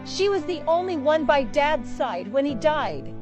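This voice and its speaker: A woman's voice: sits high, big pitch swings, a little slow, over music. A woman playing a caring, principled daughter in a scripted drama, speaking earnestly. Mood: indignant. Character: caring, indignant daughter standing up for the housekeeper.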